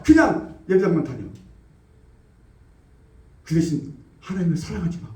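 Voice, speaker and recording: A scornful, mocking tempter spirit with a high, lively voice, as a man preaching puts it on. it coaxes and belittles, heard from a distance in an echoey church hall. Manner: mocking, coaxing.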